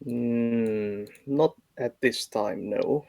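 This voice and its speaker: A man playing a tabletop game, chatting casually in character with hesitant hums and pauses. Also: medium pitch, vocal fry, warm tone.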